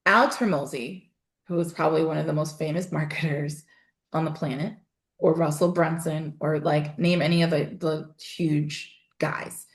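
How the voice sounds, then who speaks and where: A woman guest on a podcast talking about voice and storytelling, emphatic and animated, with laughing asides. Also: low-pitched, moderate pace. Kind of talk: casual interview chat. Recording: roomy echo.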